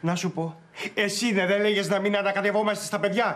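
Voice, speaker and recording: Actor as a two-timing husband, soothing and evasive. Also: male voice, high-pitched, little pitch movement, a bit bright. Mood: placating. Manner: placating, weary. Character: cheating husband placating wife and mistress.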